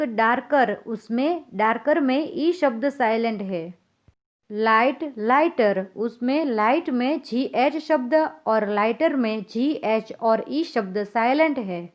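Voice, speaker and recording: A woman teaches a textbook lesson at an unhurried, deliberate pace. She reads each English line with care before explaining it in Hindi. The recording is slightly dull and lo-fi. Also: fairly high pitch.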